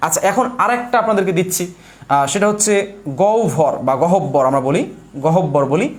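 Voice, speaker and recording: The speaker is a young man teaching exam prep live online, with a high, expressive voice and a quick pace. As he writes, he explains step by step, going over points again and asking questions he answers himself.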